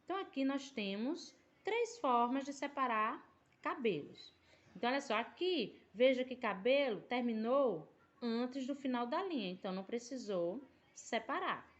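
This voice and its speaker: Woman teacher with a Brazilian Portuguese accent, patient, explanatory, with a bouncing melodic voice and a fairly high pitch. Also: expressive, lo-fi sound. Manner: patient, explanatory, drawn-out syllables. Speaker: primary school teacher. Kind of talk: recorded remote class lesson.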